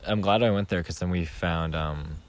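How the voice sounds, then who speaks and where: A man's voice: sits low, normal speed. A young man co-hosting a podcast, rambling through a casual story with plenty of fillers. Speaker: podcast co-host. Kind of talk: casual chat. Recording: noisy home recording.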